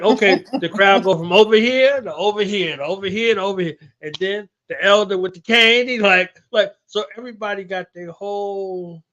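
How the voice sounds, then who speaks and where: A radio show host with a high-pitched, fairly bright voice conducts a casual interview, speaking enthusiastically and emphatically and often repeating his phrases. The audio is slightly dull and lo-fi.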